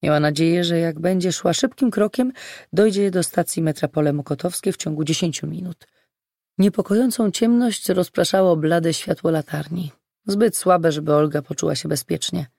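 Gravelly audiobook narrator. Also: mid-range voice, moderate pace, dark tone, dry recording, clean studio sound. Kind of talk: scripted narration.

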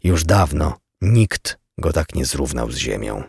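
A man narrating a crime novel audiobook in a measured, steady reading. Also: a bass voice, vocal fry, breathy edge, no room sound, studio quality.

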